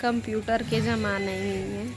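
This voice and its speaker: A woman's voice: mid-range voice, level tone, unhurried, music in the background. A woman with a Chhattisgarhi accent chats casually to her viewers as a home vlogger. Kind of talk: casual vlog chat. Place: at home in the evening.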